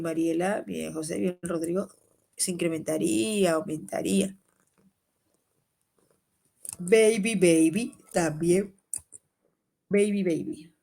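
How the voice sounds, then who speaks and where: A woman with a Peruvian Spanish accent teaching an online exam-prep class, quizzing students by name in a lively way. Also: fairly low pitch, creaky. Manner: lively, calls students by name, asks and answers questions.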